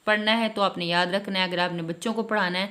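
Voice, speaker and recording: A woman teaching Quran reading, with a voice of ordinary middle pitch. She stretches each syllable when sounding out letters, then shifts into patient, conversational explanation. She keeps checking that her listeners are following along. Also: fairly even intonation, bright, forceful tone. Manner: repeats a reassuring "theek hai" to check understanding. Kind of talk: spelling out and reciting a reading primer lesson.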